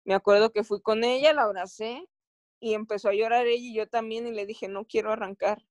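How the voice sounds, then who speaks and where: A woman's voice: on the high side, steady tone, fairly quick, a little mellow, dry recording. A woman with a Mexican accent, an athlete recounting her experiences in a casual interview, often stopping and restarting her phrases. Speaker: Olympic athlete guest.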